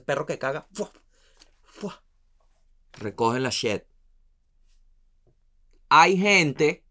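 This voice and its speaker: Slangy Venezuelan man telling stories. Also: mid-range voice. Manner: animated, slangy and profane, trailing off into muttered asides. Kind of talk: comic storytelling monologue.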